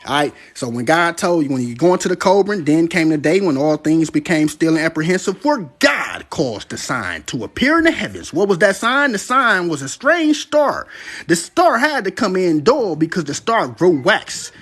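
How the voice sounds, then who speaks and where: A man's voice: a little high, moderate pace. A man, preaching about prophecy in casual livestream talk, swearing and asking "right?" again and again. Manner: preachy, excitable, swears, asks "right?" often.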